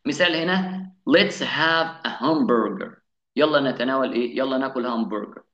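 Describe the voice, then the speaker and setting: A man's voice: mid-range voice, a bit bright. Egyptian man teaching English grammar. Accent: Egyptian Arabic. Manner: asks questions and answers them himself, slowing down to spell out English examples. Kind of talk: classroom-style grammar lesson. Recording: echoey room, slightly dull sound.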